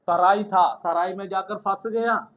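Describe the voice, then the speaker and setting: A man with a very high voice preaches a sermon. He calls out questions to the congregation and rises into loud hallelujahs. The sound is dull and lo-fi. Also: fairly even intonation, measured pace. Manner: call-and-response preaching, rising to shouts of hallelujah. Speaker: pastor.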